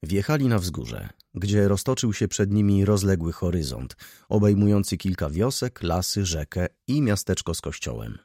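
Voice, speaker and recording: A man narrating an audiobook chapter with an expressive, measured reading. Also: low voice, husky, no echo, studio quality. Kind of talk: scripted narration.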